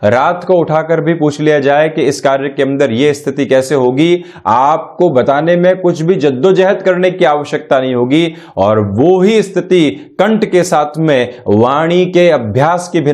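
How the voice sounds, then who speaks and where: Measured, fairly high-voiced male astrologer. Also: darkish tone. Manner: measured, formal delivery with English terms mixed in. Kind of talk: spiritual self-help talk.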